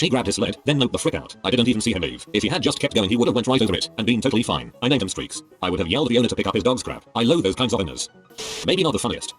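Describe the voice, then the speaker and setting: A man reading funny online stories aloud in a brisk, matter-of-fact way. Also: on the low side. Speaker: narrator.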